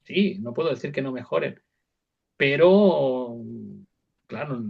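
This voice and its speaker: A man's voice: medium pitch, animated, takes it slowly, gravelly, slightly rough, lo-fi sound. A man speaking as a psychologist guest, explaining step by step with examples and frequent repeated words. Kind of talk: casual interview talk.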